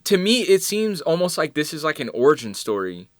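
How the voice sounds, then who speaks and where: A man's voice: on the high side, very animated, brisk, no echo, studio quality. A man co-hosting a casual film talk show, rambling through his explanations with frequent restarts. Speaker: podcast co-host.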